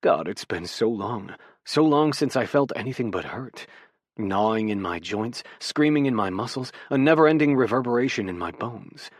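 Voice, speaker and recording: A man narrating a romance audiobook in the first person, with an intimate, measured storytelling manner. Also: mid-range voice, animated, no echo, clean studio sound.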